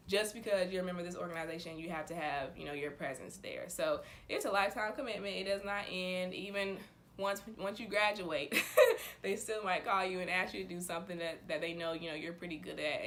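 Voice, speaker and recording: A woman's voice: mid-range voice, a bit bright, slight background noise. A woman in her twenties chatting casually to camera in a bubbly, enthusiastic sorority-girl manner. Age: 20s. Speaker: vlogger, sorority member.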